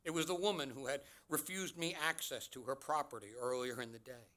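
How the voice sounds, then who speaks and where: A man giving a commencement address, telling a personal story in a measured, deliberate way with dramatic pauses. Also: mid-range voice, bright, forceful tone. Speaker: commencement speaker.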